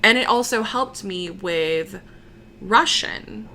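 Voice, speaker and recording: Guesting on a casual interview, a young opera singer from the United States chats slowly in a bright, mid-range voice with some vocal fry, and the recording has a little hiss or hum. Relaxed, she laughs easily and leans on many fillers.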